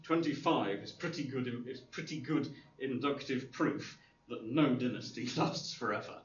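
This unhurried man speaks at a medium pitch in an informal classroom lecture. He rambles, restarts, and uses many fillers, with a dry sense of humor, captured in a dull, distant, roomy lo-fi recording with faint hiss.

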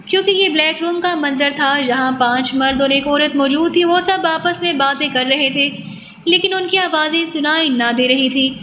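A woman reads a thriller audiobook in a high, bright voice, with steady storytelling. Her recording carries a long reverb tail and faint noise. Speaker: audiobook narrator. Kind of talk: scripted narration.

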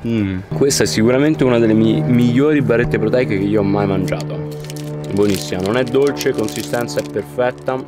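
A fitness vlogger in his twenties talks casually and upbeat to viewers, out of breath after running, filming on a handheld phone camera at arm's length. He moves from a parked car to a street outdoors, then a kitchen. His mid-range voice runs at normal speed over loud music.

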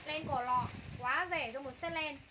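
A high-pitched woman is hawking clothes on a livestream. She rattles off prices and item codes again and again, and she gushes over each piece. There is steady noise behind her voice. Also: normal speed. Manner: repetitive, calls out prices and codes, gushing. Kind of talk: live sales pitch.

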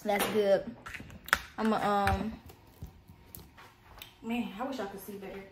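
Speaking slowly and in a level, mid-range voice, this vlogger talks to her y'all audience while cooking at home, the phone set on the counter. Background noise runs throughout her chatty cooking video, and she chants as she works.

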